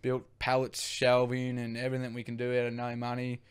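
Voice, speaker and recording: Aussie bloke yarning away, loose and rambly, smooth clear voice, mid pitch. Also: male voice, completely flat delivery, brisk. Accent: Australian. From Australia. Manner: laid-back, rambling, swears casually. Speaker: brewery co-founder guest. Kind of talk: casual storytelling chat.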